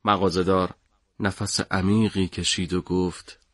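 Man reading a story, very deep voice, dry close sound, steady and dramatic. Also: dry recording. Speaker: narrator. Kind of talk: audiobook story narration.

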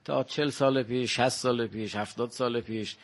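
A man's voice: medium pitch, steady tone. An older man with a Varamini Persian accent, a village guest on a radio show, proudly listing facts about his home. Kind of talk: radio phone-in chat.

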